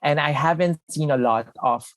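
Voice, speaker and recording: A man's voice: a little high, normal speed, dry recording. A young man from the Philippines, a podcast guest talking earnestly about his life with many fillers and restarts. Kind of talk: casual interview talk.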